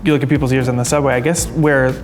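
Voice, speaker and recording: A man interviews people casually at a quick pace. His voice is medium in pitch, with music clearly playing behind him. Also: steady tone.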